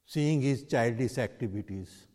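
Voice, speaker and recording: Male spiritual teacher, North Indian accent, slightly higher-pitched voice, questioning didactic delivery, long hall echo. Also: a little slow, darkish tone. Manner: didactic, poses rhetorical questions to listeners. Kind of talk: religious discourse in English with Hindi and Sanskrit phrases.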